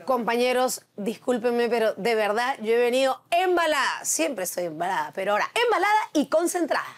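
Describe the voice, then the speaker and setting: A woman competing on a cooking show, talking in an excited, energetic way. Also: fairly high pitch, fairly quick. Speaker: celebrity contestant.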